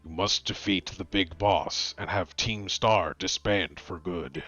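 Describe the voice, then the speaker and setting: A man voicing a secretive teenage girl boss who hides behind a deep voice-changer voice, speaking slowly and theatrically. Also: bright, forceful tone, highs cut off, faint music behind, heavily acted. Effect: disguised deep voice-changer voice.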